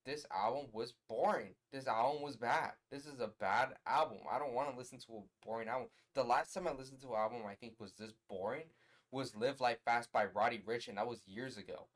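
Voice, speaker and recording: A man's voice: mid-range voice, a little fast. Blunt young man ranting about an album. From US West Coast. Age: 20s. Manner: blunt, exasperated ranting, loud bursts of emphasis. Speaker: music reviewer. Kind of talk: casual album review. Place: his bedroom.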